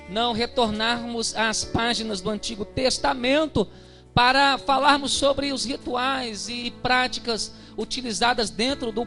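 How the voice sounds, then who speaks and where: A man's voice: very high-pitched, a bit bright. A man preaching a sermon in Brazilian Portuguese, reading scripture and leading the congregation in fervent prayer. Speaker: minister. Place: church hall.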